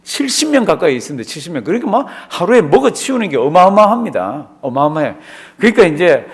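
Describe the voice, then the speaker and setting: A man's voice: fairly high pitch, very animated, fast talker, slightly rough. A man, a pastor, teaching a Bible study class, asking the class questions, answering them himself and repeating key words for emphasis. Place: church classroom.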